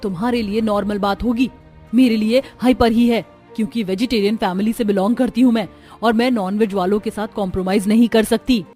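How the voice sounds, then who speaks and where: A woman's voice: mid-range voice, steady tone, fairly quick, dark tone, soft background music, lightly acted. A woman voicing a proud, easily offended elder daughter-in-law in a cartoon story, speaking emphatically. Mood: indignant. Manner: indignant and emphatic. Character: elder sister-in-law, strict vegetarian, touchy and indignant young wife.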